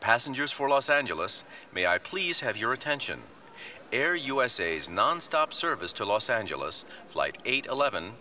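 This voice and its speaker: A man's voice: mid-range voice, sharp tone. A man voicing a formal airline gate announcer in a scripted airport announcement. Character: male airport gate announcer informing passengers. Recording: distant mic, clear ambient noise.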